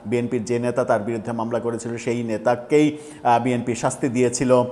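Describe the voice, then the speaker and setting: A man giving solo political commentary, pausing often with filler sounds as he works through his points. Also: mid-range voice, flat delivery, a little mellow, big-room sound. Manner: hesitant, many filler sounds.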